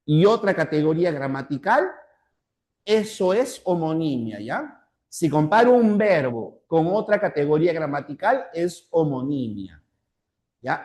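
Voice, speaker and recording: A man with a Peruvian Spanish accent lectures in a somewhat high voice. He keeps repeating key terms and checking in with "¿ya?". He slows down to lay out examples one by one. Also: darkish tone. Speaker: teacher. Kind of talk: classroom lecture.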